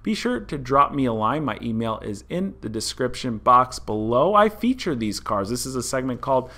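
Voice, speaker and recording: A man in his thirties hosts a car vlog from an indoor room, speaking into a desk mic. His voice is bright and forward, with a mid-range pitch. He talks viewers through each point in a chatty, explanatory way. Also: big pitch swings, normal speed. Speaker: car channel host. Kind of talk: casual vlog commentary. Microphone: desk mic in front.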